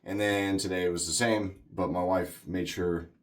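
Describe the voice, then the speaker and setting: A very deep-voiced man talks casually to his camera, hosting a wet shaving channel. His talk rambles easily, full of loose asides and friendly chatter. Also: steady tone, unhurried.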